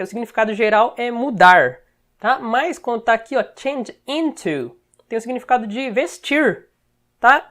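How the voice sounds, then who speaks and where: A woman with a Brazilian Portuguese accent, teaching English by explaining film dialogue, checking in often with short tags and repeating words slowly to model them. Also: on the high side.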